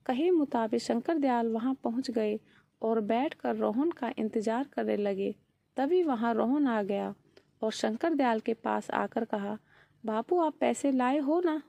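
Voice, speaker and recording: A woman narrating a sad story in a steady, solemn storytelling manner. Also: on the high side, unhurried, creaky, no echo.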